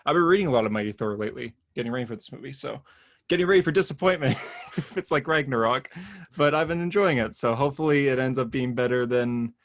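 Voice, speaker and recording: Casual guy talking comics news on a podcast, laughs a lot, middle pitch, dry mic. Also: quick pace, dry recording. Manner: chatty, rambling, laughs often. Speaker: podcast co-host.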